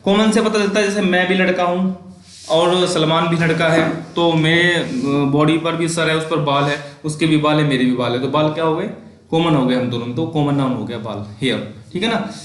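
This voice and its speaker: A man's voice: on the high side, steady tone. Indian man teaching English in an echoey room. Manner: repeats "ठीक है ना" often, reads English examples slowly. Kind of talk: casual classroom explanation.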